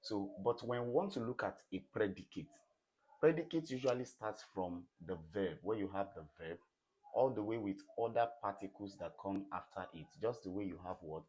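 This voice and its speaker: A man with a Nigerian accent teaching an English grammar lesson in a classroom, often pausing to ask students questions. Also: low voice. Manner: call-and-response questioning of students. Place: classroom with a board.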